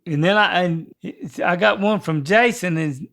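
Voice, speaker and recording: A high-voiced older man with a strong creak in his voice and a Southern US accent. He rambles along in a folksy drawl, chatting casually as a co-host. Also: measured pace, a bit bright. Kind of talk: casual chat.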